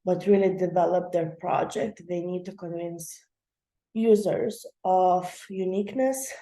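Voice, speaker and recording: Woman, young adult, low mellow voice, casual chatty host, roomy echo. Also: fairly even intonation, unhurried. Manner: chatty, loose, many fillers and laughs. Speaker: channel host. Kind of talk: casual explainer talk.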